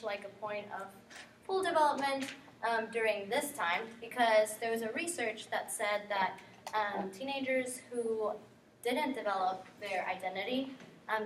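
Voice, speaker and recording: A woman's voice: a little high, a bit bright. Young woman from Guatemala presenting in an echoey classroom. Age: young adult. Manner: earnest, filler-heavy with frequent ums and likes. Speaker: student presenter. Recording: echoey classroom from far off, faint noise.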